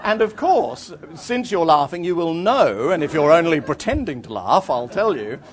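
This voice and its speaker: A man's voice: a little high, big pitch swings, moderate pace, background noise. A man telling humorous, self-deprecating travel stories to a live audience, rambling with many fillers. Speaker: storyteller speaking to an audience.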